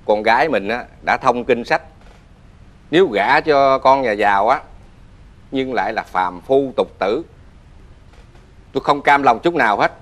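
A man's voice: medium pitch, expressive, measured pace, long pauses, a bit bright. An actor with a Southern Vietnamese accent playing a proud, stern rich father in a cartoon fairy tale. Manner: stern, grumbling, later wailing. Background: music.

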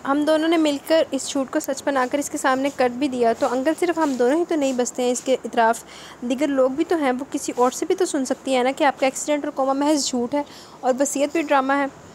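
A woman's voice: sits high, fairly even intonation, a little fast, darkish tone, a little hiss or hum, lightly acted. Woman reading a scheming young man. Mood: wary.

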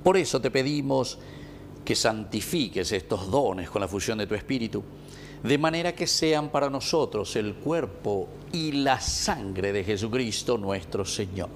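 Solemn Paraguayan priest at Mass. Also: male voice, fairly low pitch, expressive, a little hiss or hum. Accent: Paraguayan Spanish. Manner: solemn, measured, drawn-out phrasing. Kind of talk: liturgical recitation at Mass. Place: small indoor chapel. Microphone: fixed camera at the altar.

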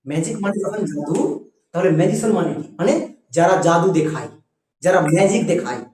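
Teacher doing a spelling lesson, mellow voice, super echoey room, kinda far from the mic. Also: mid-range voice, animated, a little hiss or hum. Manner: patient, repeats words slowly for students.

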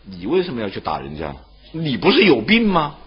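A lecturer playing a sly, husky old sage. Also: male voice, mid-range voice, huge pitch swings, brisk, highs cut off, soft background music, exaggerated voice. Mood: mocking. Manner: needling rhetorical questions. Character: shrewd old male philosopher, sly and argumentative.

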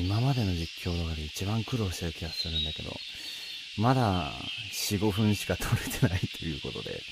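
A man giving casual, nervous, pleading commentary as he plays a horror game, talking to himself and his viewers. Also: fairly low pitch. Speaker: video game player and commentator.

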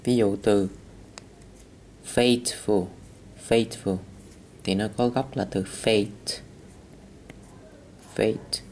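A man's voice: lowish voice, steady tone, slow, pauses often, darkish tone, a little hiss or hum. A man teaching English vocabulary, saying each word several times. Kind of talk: vocabulary lesson.

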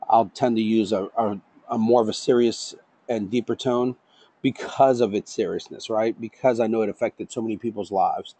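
Fast-talking male safety trainer. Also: fairly low pitch, steady tone, mellow, dry recording. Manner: says he talks fast, tags lines with "right?" and "okay?". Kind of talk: online classroom lecture.

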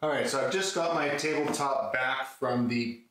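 Casual and matter-of-fact, a woodworking host in his thirties explains his hands-on build to camera at normal speed, in a medium-pitched, slightly bright voice. The sound comes from a camera mic a few metres away in an indoor garage workshop with a concrete floor, echoey and with faint background noise.

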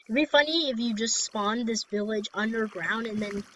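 A young woman chatting casually as she plays through a video game, giggly and quick to burst into dramatic outbursts. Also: fairly high pitch, slight background noise, poor audio. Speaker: gaming YouTuber. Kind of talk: casual let's-play commentary.

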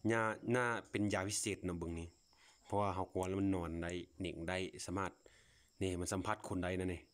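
Filming on his phone at a grassy spot outdoors, a Laotian vlogger speaks to viewers casually and without a script. He talks fast in a low, clean voice with fairly even intonation. His manner is folksy and repetitive, full of wonder.

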